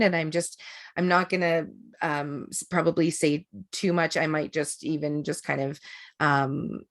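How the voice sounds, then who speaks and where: A woman teaching an online energy work class, chatty and rambling with many fillers, over a video call. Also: deep voice. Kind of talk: casual online class talk.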